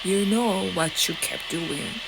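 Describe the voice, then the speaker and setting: Her voice lowish and marked by vocal fry, a woman with a Korean accent speaks slowly and defiantly to her viewers, rambling, swearing, and full of fillers and restarts. Loud, steady noise sits in the background.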